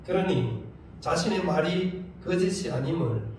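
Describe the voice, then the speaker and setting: A male pastor with a Gyeongsang Korean accent, preaching a lively sermon with rhetorical questions and humor. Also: fairly high pitch, a little slow, a little hiss or hum. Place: church sanctuary. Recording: very echoey church from far off.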